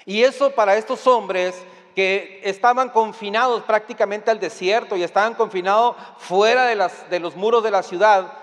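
A man with a Mexican accent preaching a sermon, talking conversationally to his congregation and rising to loud emphatic peaks. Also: high voice, moderate pace. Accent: Mexican Spanish. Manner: conversational, addressing the congregation directly. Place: church hall. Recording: long hall reverb.

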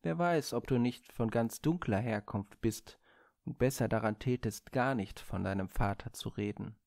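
A man's voice: medium pitch, moderate pace, vocal fry, a little mellow, no room sound, clean studio sound, lightly acted. A man voicing scornful townspeople who mock a boy, in a mocking tone in a storybook reading.

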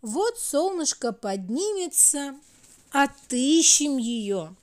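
A woman's voice: high voice, sing-song, slow pace, darkish tone, pitched above the performer's own voice, exaggerated voice. A woman voicing the month of May, a cheerful, smiling young man in a storybook tale. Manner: smiling, breezy.

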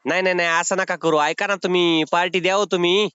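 This prank caller's voice sits high with fairly even intonation, coming across fast and sharp yet clean with no echo. He banters unscripted over the phone, insistent and wheedling in a mock-pleading way. The call recording itself is dull and lo-fi.

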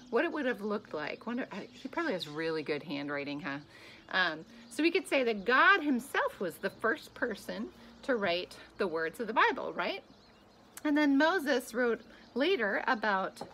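A woman in her thirties leading a kids' Bible lesson to the camera, gasping and exclaiming with exaggerated excitement for children, recorded at arm's length in a small wood-paneled room. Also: on the high side, a little hiss or hum. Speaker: children's church teacher.

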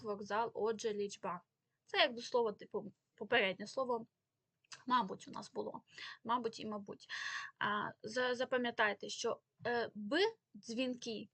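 A woman's voice: fairly high pitch, slightly rough, no room sound. A woman giving a spelling lesson, explaining rules and carefully stressing the example words. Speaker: language teacher.

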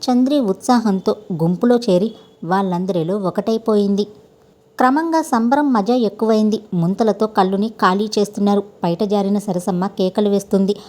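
A woman storyteller reading a scripted tale with steady, measured delivery. Her voice is mellow and soft-edged, neither high nor low. The reading stays calm and even throughout.

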